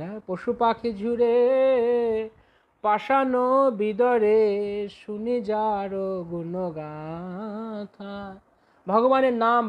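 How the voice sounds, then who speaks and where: A man preaching a devotional discourse, telling sacred stories unhurriedly and breaking into slow sung chant refrains. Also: sits high, dull audio. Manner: unhurried storytelling with dramatic quoted cries.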